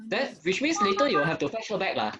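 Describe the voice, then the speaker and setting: A man's voice: high voice, sing-song, quick pace, a loud crowd. A man with a Singaporean accent in casual conversation, often repeating words and hesitating as he goes. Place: online group call.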